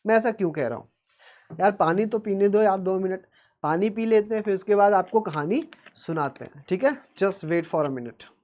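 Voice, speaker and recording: A male teacher giving a classroom-style video lesson, calling his students "beta" and adding "theek hai" after nearly every point, often slowing down for English phrases. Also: high voice, a little mellow, highs cut off. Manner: mixes Hindi with slow, careful English phrases.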